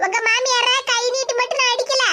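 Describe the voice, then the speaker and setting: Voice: very high-pitched, flat delivery, brisk. A performer voicing a defiant, taunting rival daughter-in-law from a village. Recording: loud background noise with clicks.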